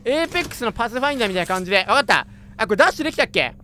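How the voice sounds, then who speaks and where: Excitable high-voiced man playing a game. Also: racing, slight background noise. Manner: excitable, chatty, jumpy reactions. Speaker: gamer. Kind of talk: let's play commentary.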